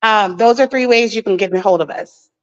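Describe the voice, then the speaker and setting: On a lo-fi recording, a female real estate agent walks through a house a little fast in a medium-pitched voice. She's chatty and somewhat nervous, laughs a lot, and sounds slightly breathless.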